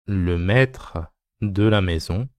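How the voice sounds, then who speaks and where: A man's voice: deep voice, slow pace, a little mellow, dry recording, clean studio sound. A man dictating a text as a teacher, phrase by phrase, repeating each short phrase and speaking the punctuation aloud.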